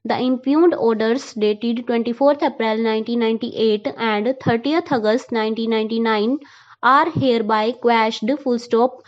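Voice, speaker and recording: A woman's voice: on the high side, fairly even intonation, lo-fi sound. Woman reading legal dictation, punctuation aloud. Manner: measured, reads punctuation aloud. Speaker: dictation reader. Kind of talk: legal dictation at a set pace.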